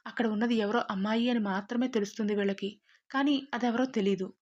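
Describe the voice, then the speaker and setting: A woman narrates a dramatic story with steady, expressive delivery, her voice a little higher than most. The recording sounds somewhat muffled and lo-fi. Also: fast talker.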